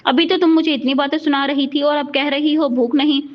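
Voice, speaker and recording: Curt and arrogant, a short-tempered young husband snaps his orders, read in a woman's high voice. The lines sound dull and lo-fi, like a cheap home recording of a storybook reading. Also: steady tone, fairly quick, close to an everyday voice. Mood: curt scolding. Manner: curt, scolding.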